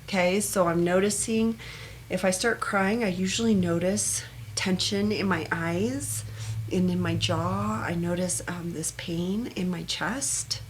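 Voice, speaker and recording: A woman teaching a self-help meditation technique in a soft, earnest manner, speaking in short, repeated phrases. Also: fairly low pitch, fairly even intonation, a little slow, slight background noise. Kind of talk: gentle guided self-help instruction.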